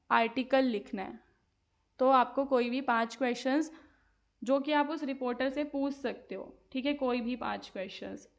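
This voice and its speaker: A woman teacher with a high-sitting voice walks students step by step through exam answers, mixing Hindi and English and checking in with them often. She slowly spells out English sentences word by word as she dictates, and the audio is dull.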